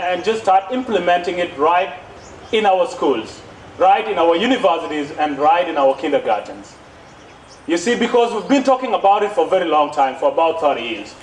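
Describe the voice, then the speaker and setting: Under trees on an outdoor stage, a young adult speaker stands at the podium of a conference plenary, delivering impassioned youth advocacy with repeated phrases and rhetorical questions. Born in South Sudan and raised in Kenya, he has an East African accent and a voice that sits high. His thin gooseneck podium mic sounds distant and echoey, with noise in the background.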